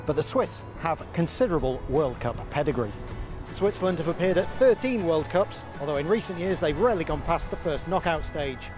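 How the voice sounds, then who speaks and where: Male field reporter, measured broadcast read, music bed behind. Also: on the high side, animated. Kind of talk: news report.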